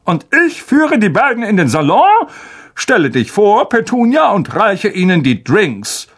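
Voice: medium pitch, very animated, unhurried. Vernon: a pompous bossy uncle, as a reader plays him. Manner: self-important, commanding.

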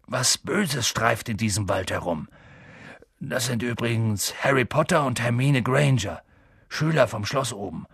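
A man putting on a hulking, gruff gamekeeper with a deeply gravelly, crackling voice that swings widely up and down. He talks slowly and bluntly, grim and protective, in an audiobook reading. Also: animated, dry recording, studio quality, full character voice. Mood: relieved. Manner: grim, wary, gets loud and impatient. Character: huge gruff male half-giant gamekeeper, blunt and protective. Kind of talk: audiobook character voice.

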